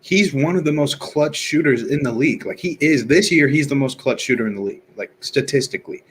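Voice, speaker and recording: A man's voice: mid-range voice, a little fast, slightly rough. A young man co-hosting a sports podcast, arguing his points heatedly in casual slang and laughing often. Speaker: podcast co-host.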